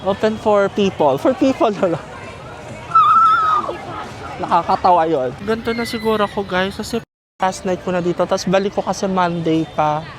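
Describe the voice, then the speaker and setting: With long pauses, this high-pitched male voice moves at normal speed. He's a Filipino travel vlogger with a Filipino accent, rambling in casual vlog chat with some English mixed in, on busy city streets where the noisy recording picks up crowds and vehicles.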